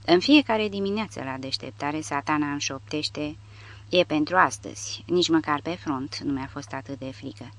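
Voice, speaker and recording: A man reading the part of a nervous condemned cavalry prisoner who asks quiet, pressing questions in an audiobook. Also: fairly high pitch. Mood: uneasy.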